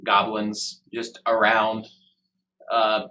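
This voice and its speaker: A man narrating as dungeon master in a relaxed, conversational way. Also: fairly low pitch, drawn-out words, slight background noise, low-quality recording. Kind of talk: narrating a tabletop game.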